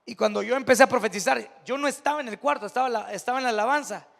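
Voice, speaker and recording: A man's voice: extremely high pitch, rapid-fire, creaky, fairly bright tone, big-room sound. A man with a Mexican accent preaching a sermon as pastor, telling stories in a conversational way that builds to emphatic preaching. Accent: Mexican Spanish. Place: church sanctuary.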